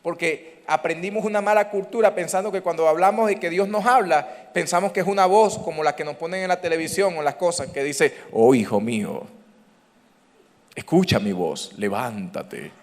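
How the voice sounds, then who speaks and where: A man's voice: high voice, brisk, few pauses. A man preaching a sermon as pastor, calling out emphatically to his congregation. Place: church hall. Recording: church hall reverb.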